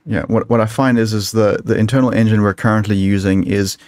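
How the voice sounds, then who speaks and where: A software developer answering audience questions on a video call, talking in halting sentences full of restarts. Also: male voice, lowish voice, little pitch movement, no room sound. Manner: halting, many restarts and fillers. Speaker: software developer speaking at a meetup. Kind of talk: casual tech talk Q&A.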